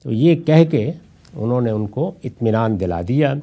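A man's voice: medium pitch, animated, mellow. An older man giving a Quran commentary lecture as an Islamic scholar, telling anecdotes and reciting Arabic verses.

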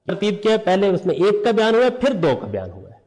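A man's voice: high-pitched, huge pitch swings, a little mellow. Older man lecturing in a reverberant room. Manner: explanatory, asks and answers his own questions. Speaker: religious scholar teaching. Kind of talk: lecture on Quranic language.

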